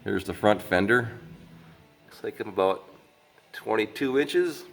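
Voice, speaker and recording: Here a mechanic talks through a repair one step at a time, stuffed up from a slight cold, in an auto repair shop. His voice sits on the low side and sounds gravelly, with a little hiss or hum, and his how-to delivery is plain and unhurried.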